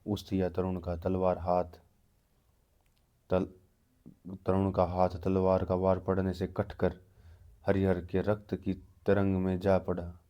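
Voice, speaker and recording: A man reading a novel aloud, halting and restarting words often. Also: low voice, warm tone, muffled recording. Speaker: narrator.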